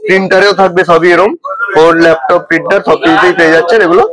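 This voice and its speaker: Fast-talking man with West Bengal accent. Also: sits high, steady tone, crowd noise, poor audio. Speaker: shop representative being interviewed. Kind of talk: unscripted explanatory interview talk.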